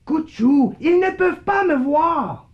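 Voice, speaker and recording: A woman's voice: high voice, animated, slow, highs cut off. A woman voicing a mischievous male living shadow with a teasing, slightly haughty manner, in a children's puppet show.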